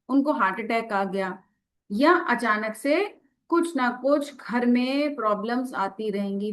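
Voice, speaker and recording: A woman leads a live online numerology class. Her voice sits high and her delivery is slow and deliberate, with frequent questions to make sure the class follows along as she switches between Hindi and English. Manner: explanatory, mixes English into Hindi. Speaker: numerology teacher.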